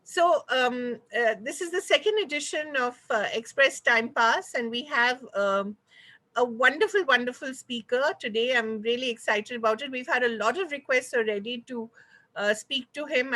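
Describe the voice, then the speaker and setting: A woman with an Indian accent hosts a talk over a video call. Her voice is high and bright. She speaks politely and conversationally, feeling her way through long, hesitant questions. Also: normal speed. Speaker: host of an online talk show.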